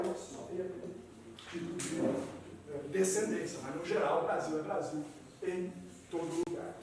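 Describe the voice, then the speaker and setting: Man lecturing in echoey hall. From southern Brazil. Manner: animated, wide swings in pitch and loudness, frequent "né". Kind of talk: lecture to an audience. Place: meeting hall. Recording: echoey hall, distant mic, faint noise.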